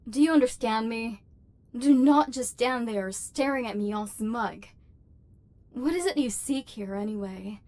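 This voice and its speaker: A woman with a slightly mellow voice on the high side speaks a little slowly as a human-hating robot overlord in an ASMR villain monologue. The secretly lonely character uses formal, machine-like phrases, and her tone is haughty and threatening. The recording is dry.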